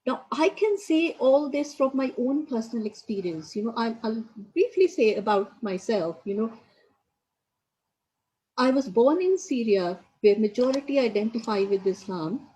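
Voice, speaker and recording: Earnest woman with a dark, mellow voice. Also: fairly high pitch, expressive, moderate pace, low-quality recording. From India. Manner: earnest, leans on "you know" fillers. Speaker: project leader hosting a launch event. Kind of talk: public speech at an event.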